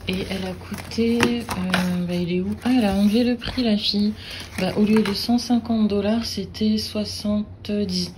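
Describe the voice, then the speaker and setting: A woman's voice: medium pitch, fairly even intonation, moderate pace, a little mellow, slight background noise. A young woman casually chatting in a vlog, showing purchases and unboxing a bag, hesitant and full of fillers. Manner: chatty and hesitant, with many fillers and little interjections. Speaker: vlogger. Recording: roomy sound with music behind.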